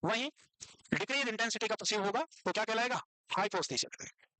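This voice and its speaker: A man with an Indian accent teaching a nursing class online, dictating English definitions slowly and quizzing his students. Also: sits high, animated, bright, forceful tone, dry recording, rough recording. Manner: teasing, scolds students playfully.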